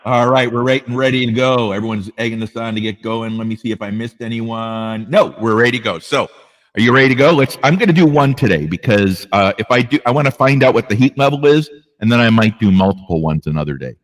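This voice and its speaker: A man's voice: mid-range voice, fast talker, in a large hall. A man hosting a casual live stream, rambling along and thanking viewers by name.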